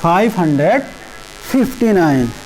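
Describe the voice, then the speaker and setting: A woman teaching a primary school math lesson, explaining place values slowly and repeatedly checking in with the children. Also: fairly low pitch, sing-song, darkish tone, soft background music, rough recording. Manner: slow, repetitive explaining with frequent "ठीक है" checks. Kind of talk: class 5 math lesson in Hindi with English number words.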